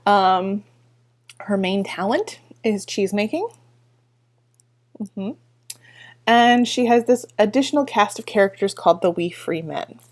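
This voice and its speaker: A woman librarian talks casually about a book and reads a passage aloud. She speaks at a middle pitch, pausing on fillers and correcting herself as she goes. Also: animated. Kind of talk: book talk and read-aloud.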